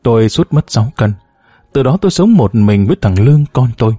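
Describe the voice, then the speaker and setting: Man, audiobook narrator, somber measured reading, mellow dark voice, dry close recording. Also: medium pitch, sing-song, husky, no room sound, faint music behind. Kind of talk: scripted narration of a novel.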